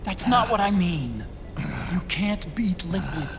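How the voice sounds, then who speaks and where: A man's voice: sits high, animated, a little slow, background noise. A man playing an anxious, intellectual tech-expert sidekick in a video game. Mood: despairing, pleading. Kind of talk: video game cutscene dialogue.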